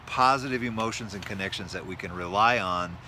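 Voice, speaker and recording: A man's voice: fairly low pitch, brisk, background noise. A man co-hosting a casual chat with his wife outdoors, joking and folksy, often repeating his words. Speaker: co-host, marriage coach. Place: outdoors, rain starting.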